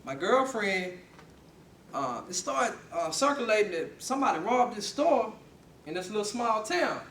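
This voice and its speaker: A young man giving a lively personal story speech to a class, often laughing as he tells it. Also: high-pitched, measured pace, far from the mic, a little hiss or hum. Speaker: student speaker. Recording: echoey room, mic from afar.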